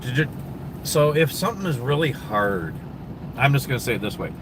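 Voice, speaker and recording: Very animated and brisk, the mid-range voice of this Minnesota livestream host carries over truck stop noise from traffic and air conditioning. He takes viewer questions in a loose, easygoing ramble, stumbling through ums and restarts.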